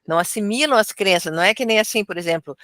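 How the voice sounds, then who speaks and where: A woman with a Brazilian accent discussing religion in a study group, chatty and filling pauses with little tags. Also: mid-range voice, fairly bright tone, dry recording, studio quality. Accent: Brazilian Portuguese. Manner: chatty, fills with "né" and "tal".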